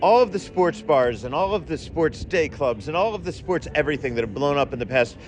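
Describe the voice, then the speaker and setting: A man's voice: fairly high pitch, expressive, fairly quick, slight background noise. A man hosting a food podcast, asking guests long, chatty, probing questions. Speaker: podcast host. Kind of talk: interviewing, casual chat.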